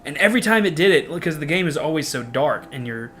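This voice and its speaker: A man giving casual commentary over a horror game with a friend. His voice moves with a lively, animated rise and fall as he gets excited and explains things to viewers, with a faint hiss behind him. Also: fairly high pitch, fast talker. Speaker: let's play co-host.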